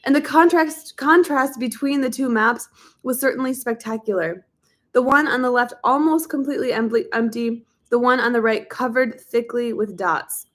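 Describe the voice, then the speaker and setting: A woman with a fairly high voice reads a history book aloud in a plain, unhurried way. Now and then she trips over a word and says it again, and she sometimes breaks off for loose, chatty side remarks. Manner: reads steadily, now and then slipping and repeating words. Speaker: reader of a book. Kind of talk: reading a nonfiction book aloud with casual asides.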